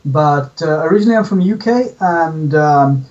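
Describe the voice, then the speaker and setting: A man from the UK, telling his story as an interview guest in a relaxed way. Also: fairly high pitch, normal speed, distant mic, highs cut off. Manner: relaxed storytelling, says "yeah?". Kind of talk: casual interview.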